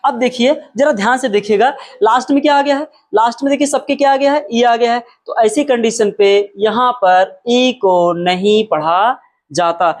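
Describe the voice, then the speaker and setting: A man teaching in an energetic, emphatic way. He poses questions and answers them at once, then says each example word slowly and deliberately, often twice over. The delivery is lively and instructive. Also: extremely high pitch. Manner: repeats example words slowly and drawn out, asks and answers his own questions; emphatic, animated explaining. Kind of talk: spoken pronunciation lesson.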